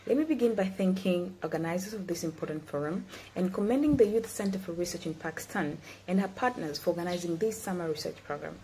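Speaking to a youth forum by video call from an indoor room, a Tanzanian guest speaker in her twenties delivers a measured, earnest speech from her notes. Her voice is lowish and warm with lively intonation, and the laptop webcam recording is low quality with slight hiss or hum.

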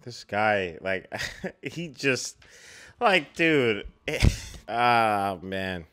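This is a man hosting a casual film reaction. He talks slowly in a bright, forward voice. He exclaims, says lines over and over and laughs a lot. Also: fairly low pitch, expressive, slight background noise. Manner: exclaiming, repeating phrases, laughing often.

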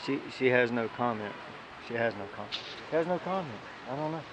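A playful man in his thirties talks with a lively, swinging pitch while on a family trip. He sometimes speaks for his baby in a jokey way. The sound comes from a small action camera outdoors, with clear background noise. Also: fairly quick. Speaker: vlogging dad. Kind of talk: casual family vlog chat. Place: outdoors on a beach and boardwalk, then an indoor spa. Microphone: action camera mic.

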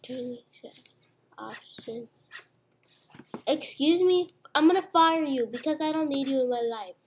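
The voice sits high, with a darkish tone and a slightly slow delivery. A young girl at home chats playfully through a restaurant game, describing each move as she goes in casual gamer talk. Faint noise and mouse clicks are audible in the background.

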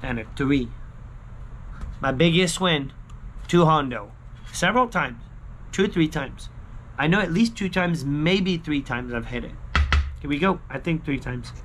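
Higher-voiced man in his thirties, slangy vlogger. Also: animated, a little slow, long pauses, fairly bright tone, slight background noise, rough recording. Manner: slangy, repeats short catchphrases. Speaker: scratch-ticket video host. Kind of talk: casual vlog chat to viewers. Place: outdoors, backyard pool and screened poolside patio.

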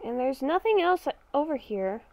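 Here a woman narrates in character while gaming, thinking out loud and repeating herself as she improvises a roleplay role. Her high, sing-song voice is creaky with a darkish tone, at a moderate pace. The dry recording comes from a dull, lo-fi microphone.

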